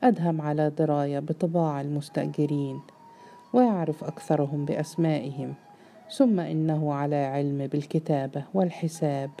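امرأة تؤدي دور أب عجوز صارم ومتسلط يأمر بنبرة مهددة في قصة مسموعة. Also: female voice, low voice, brisk, dark tone, faint music behind. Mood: stern. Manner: commanding, menacing. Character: stern, domineering old patriarch man.

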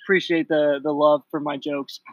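A man's voice: fairly high pitch, flat delivery, moderate pace, no echo, muffled recording. A man co-hosting a casual podcast from home, leading the questions and cracking self-deprecating jokes. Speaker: podcast co-host. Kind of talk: casual chat. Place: home, at night.

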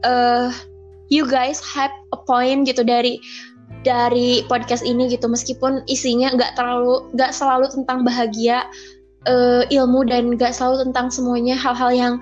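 A woman's voice: fairly high pitch, monotone, moderate pace, a little mellow, soft background music. A talkative, outgoing young woman co-hosting a podcast in casual chat, with a muffled lo-fi recording. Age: young adult. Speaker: podcast co-host.

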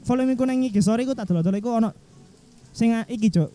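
A man's voice: very high-pitched, mellow. A young man with a Surabaya accent chatting casually with friends, slangy and cursing casually. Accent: East Javanese (Surabaya). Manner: rapid, slangy, curses casually. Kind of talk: casual podcast chat.

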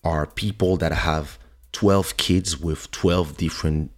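In a very deep, steady voice and at a slow pace, an online show host delivers a casual, opinionated monologue, repeating himself emphatically and firing off rhetorical questions. French is his first language; he was born in Africa and raised in France.

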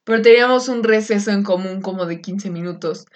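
A woman's voice: mid-range voice, a little fast, a little hiss or hum. A young woman with a Mexican Spanish accent, casually telling a story in a chat and acting out her own reactions. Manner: animated storyteller, laughs often, acts out her own squeals.

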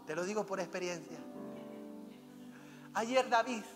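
A pastor with a high-pitched voice speaks at a measured pace, preaching a fervent, exhorting sermon that weaves in personal anecdotes. He is heard in a reverberant hall with music playing.

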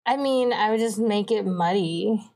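An eager young woman co-hosts a casual podcast chat. She tells her ideas with playful energy and spills over with enthusiasm. Her voice sits at a middle pitch for a woman. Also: unhurried. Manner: eager, animated storyteller, playful. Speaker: podcast co-host.

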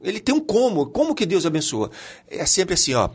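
Animated husky Brazilian man teaching. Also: high voice, a little fast. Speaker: teacher and co-host.

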